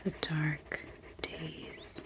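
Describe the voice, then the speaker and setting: A woman in a whispered role-play as a library clerk, speaking in a soft, breathy library whisper with gentle customer-service manner. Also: extremely slow. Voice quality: breathy, mostly unvoiced whisper. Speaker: ASMR performer playing a library clerk.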